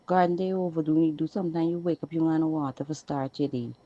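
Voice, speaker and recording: A recorded voice message from a woman with a Guyanese accent, played on the radio. Her voice sits low and mellow, and the phone recording sounds dull and lo-fi. She complains in a blunt, plain-spoken way. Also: steady tone, fast. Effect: recorded voice message played on air. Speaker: caller sending a voice note. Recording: dull, lo-fi voice note.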